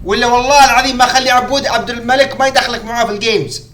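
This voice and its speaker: A man's voice: very high voice, fairly even intonation, very fast, a bit bright. A middle-aged man with a Gulf Arabic accent, chatting with family in a scolding, teasing manner. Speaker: father of the game master, dropping in on the call. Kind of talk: casual family chat. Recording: faint background noise.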